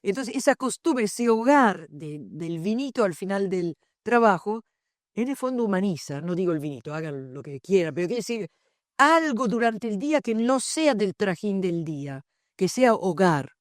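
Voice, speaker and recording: A woman's voice: mid-range voice, big pitch swings, moderate pace, dry recording, clean studio sound. An older woman with an Argentine accent presenting a book, reflective and digressive, telling anecdotes. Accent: Argentine Spanish. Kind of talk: public book presentation talk. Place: university lecture room.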